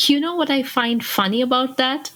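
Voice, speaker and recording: A woman's voice: high-pitched, moderate pace, sharp tone, low-quality recording. A woman from India co-hosting a podcast, speaking in an engaged, curious way. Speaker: podcast co-host. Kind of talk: podcast conversation.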